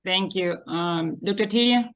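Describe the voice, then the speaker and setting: A woman's voice: mid-range voice, measured pace. A woman hosting an online meeting, introducing each participant in turn with frequent hesitations. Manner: warm, informal introductions with hesitations. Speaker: meeting host. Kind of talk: video call introductions. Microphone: video call.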